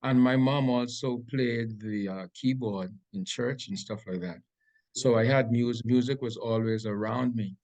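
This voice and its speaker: Bahamian man, relaxed, hesitant, many ums, mid-pitched voice. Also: measured pace. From Grand Bahama, Bahamas. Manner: laid-back, hesitant with many ums and restarts. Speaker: interview guest, reggae artist. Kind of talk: casual interview answers.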